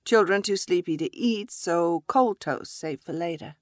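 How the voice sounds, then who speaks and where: Low, dry-voiced woman reading a story. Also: unhurried, dry recording. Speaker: narrator. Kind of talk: first-person story reading.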